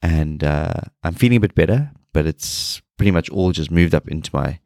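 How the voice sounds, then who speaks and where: Congested with a cold, a man with a very deep, nasal voice hosts his own podcast alone, speaking at normal speed in a flat, low-energy manner. He rambles and keeps restarting sentences. It's a dry, close recording with no room sound.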